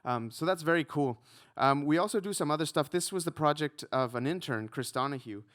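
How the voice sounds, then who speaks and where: A man from Ecuador, likely in his thirties, giving a relaxed conference talk with frequent ums and a self-deprecating touch. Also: on the high side, brisk. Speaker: conference speaker, researcher.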